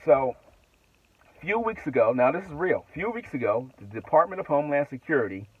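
A man's voice: on the high side, sing-song, fairly quick, husky, phone-quality sound. A middle-aged man vlogging from inside his truck cab at night, talking in a rambling way with restarts and asides. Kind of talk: casual monologue to camera.

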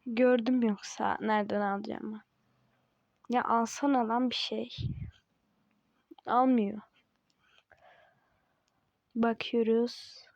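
High-voiced woman chatting over gameplay. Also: fairly even intonation, a little slow, creaky, dry recording, muffled recording. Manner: chatty and teasing, laughs often, talks to herself. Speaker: gaming channel host. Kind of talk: casual gameplay commentary.

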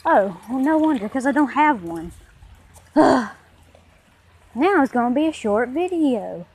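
A woman vlogging while riding a bike outdoors, talking casually and self-mockingly with breathy exclamations, recorded on a phone strapped to her chest. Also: high voice, big pitch swings, measured pace, darkish tone, dry recording, low-quality recording. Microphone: phone on a homemade chest strap.

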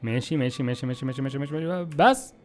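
Young Egyptian male gaming host, jokey and quick-tempered, very fast, soft game music behind. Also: medium pitch. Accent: Egyptian Arabic. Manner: excitable, exasperated, jokey, talks to viewers. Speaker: gaming YouTuber. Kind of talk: gameplay commentary.

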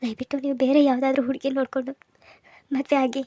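A woman's voice: high voice, level tone, fast, mellow, no echo, highs cut off. A woman voicing a sorrowful young orphaned woman who pleads earnestly, with a North Karnataka accent. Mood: pleading. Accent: North Karnataka Kannada. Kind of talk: cartoon voice acting.

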